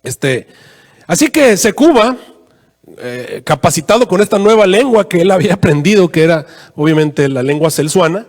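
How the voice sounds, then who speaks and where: A man preaching a sermon as a pastor, telling a story with animated quoted voices and frequent fillers. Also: moderate pace. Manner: animated, rising to high pitch in quoted prayers, many fillers "este". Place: church. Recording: long reverb in a church hall.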